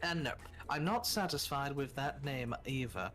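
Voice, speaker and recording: A man's voice: medium pitch, moderate pace, fairly bright tone, faint music behind. A man reading game narration aloud with a dry, wry delivery while chatting with friends. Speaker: streamer.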